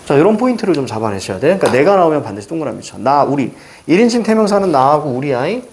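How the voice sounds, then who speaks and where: A middle-aged male teacher leads an exam-prep literature lecture. His voice sits a little high and leaps up and down as he talks, and he keeps throwing quick questions at his students. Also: big pitch swings, darkish tone, a little hiss or hum.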